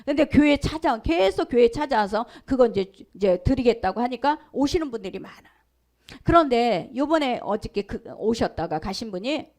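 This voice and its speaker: High-voiced woman pastor preaching. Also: a little mellow. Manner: emphatic preaching, sudden drops to a whisper; repetitive, conversational storytelling. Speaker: senior pastor. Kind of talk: sermon. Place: church sanctuary.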